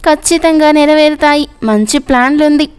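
A woman's voice: sits high, normal speed, voice pushed up, lightly acted. A woman voicing a joking, cocky young man in a serialized story reading. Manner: jokey, bantering.

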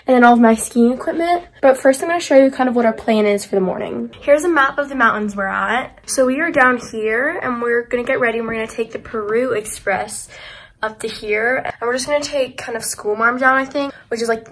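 Holding a phone at arm's length, a teenage girl upbeat about her day's plans narrates a casual travel vlog from inside a condo and a car. Her voice is husky and on the high side.

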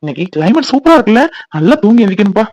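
A playful young husband in a cartoon who teases his wife in a quick, slightly high voice, played by a man. The recording is dry and close. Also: sing-song, darkish tone, no room sound, lo-fi sound. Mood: teasing. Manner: mocking, teasing.

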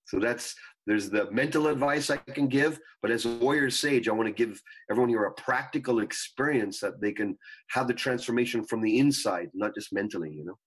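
A man speaking as a spiritual guru and coach in an interview, teaching earnestly in measured phrases. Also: mid-range voice, breathy edge, low-quality recording. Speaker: spiritual coach and retreat leader, guest. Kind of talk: interview talk, explaining teachings.

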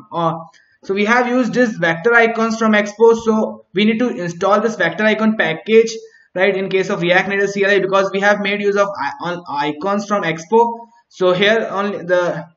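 The man's voice sits high and sounds a bit bright, moving at normal speed as he narrates a coding tutorial on his screen. He thinks out loud with plenty of fillers and restarts, often tossing in "right?" The audio is a dull, echoey home recording.

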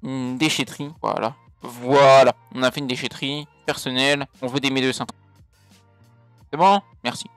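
A man's voice: mid-range voice, fairly even intonation, normal speed, a bit bright, no room sound, soft background music. A man giving casual let's play commentary, joking around and swearing often as he plays. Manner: crude, swears a lot, jokey. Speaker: gaming video creator.

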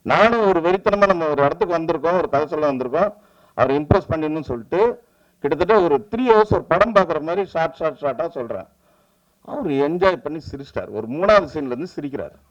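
A man, a film director giving an animated press meet speech and acting out the lines he quotes. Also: a little high, fast, highs cut off. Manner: animated storytelling, acts out quoted dialogue.

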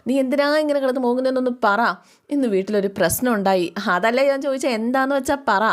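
A woman's voice: sits high, quick pace, voice pushed up, close to an everyday voice. A woman voicing a caring mother who anxiously questions her grown daughter. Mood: worried.

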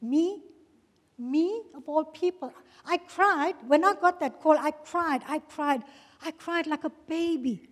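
Excitable woman in her sixties, echoey hall. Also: high voice, slow. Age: 60s. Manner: emotional, laughs easily, lively storytelling. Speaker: speaker at a women's church session. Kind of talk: testimony talk. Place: church hall.

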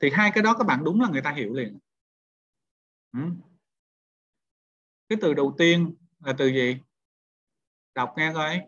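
A man's voice: a little high, lively intonation, normal speed, pauses often, a bit bright. A male teacher, lecturing a class and questioning students one by one. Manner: questioning students, repeats points. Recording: dull lo-fi sound.

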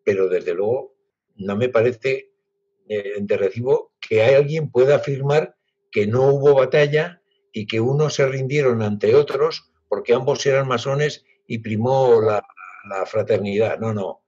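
In his sixties and from Spain's Basque Country, this man is a guest author speaking from his home library over a video call, reflective and halting with frequent restarts. His mid-range voice is darkish with a breathy edge. The laptop webcam gives the audio a dull, lo-fi video-call quality.

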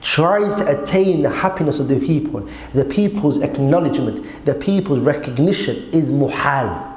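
Male Islamic teacher, mellow tone, emphatic and conversational, roomy sound with slight noise. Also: a little high, animated, normal speed. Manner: emphatic, conversational, with rhetorical questions and check-ins to listeners. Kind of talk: religious lecture explaining a text to a class. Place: seated at a desk in a hall indoors. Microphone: gooseneck desk microphone. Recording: echoey room with faint background noise.

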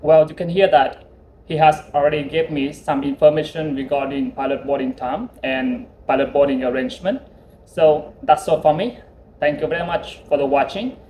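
A man's voice: on the high side, normal speed, darkish tone. Echoey young man, non-native English seafarer. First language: not English. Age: young adult. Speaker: seafarer and vlogger. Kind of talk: instructional vlog with marine radio calls. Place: small indoor room aboard a ship. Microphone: phone at arm's length. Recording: echoey cabin with faint noise.

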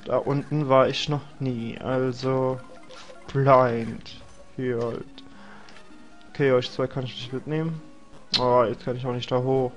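A young let's play host with a cold rambles casually and jokes to himself while commentating a video game. His voice is medium-pitched and steady in tone, with a measured pace and faint music in the background.

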